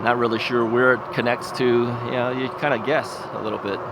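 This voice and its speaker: A man with a creaky, medium-pitched voice and fairly flat intonation vlogs at a fairly quick clip from his ebike on suburban streets. He chats loosely into a bike-mounted camera, chuckling frequently and musing aloud with questions to himself, over wind and traffic noise outside.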